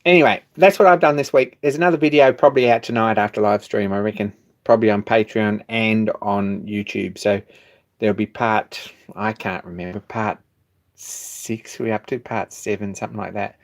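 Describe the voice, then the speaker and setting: A man's voice: on the low side, steady tone, normal speed. A man, hosting a hobby machine shop live stream and chatting casually, rambling with restarts and chuckling now and then.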